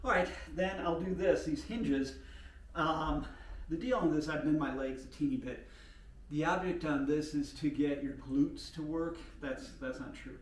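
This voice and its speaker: A man's voice: a little high, a little slow. An older man talking casually while he demonstrates a home workout, unpolished and rambling, thinking aloud with plenty of fillers. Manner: talks while moving and exercising. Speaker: home exercise vlogger. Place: room in an older mountain home. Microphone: camera set back from the speaker. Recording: roomy home audio from a distant mic, faint hiss.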